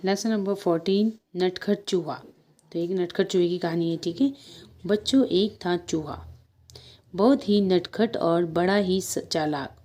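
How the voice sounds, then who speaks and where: A young woman teacher reading a children's story aloud to a primary class, going slowly, repeating lines and asking the children questions. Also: on the low side, dark tone. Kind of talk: storybook lesson reading with explanations.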